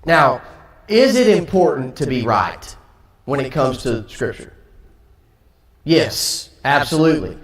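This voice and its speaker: Slow and sing-song with long pauses, this mid-range male voice belongs to a Southern teacher from Tennessee leading Sunday Bible study. He keeps it conversational, performs the quotes and laughs lightly, recorded from far off in a reverberant church auditorium.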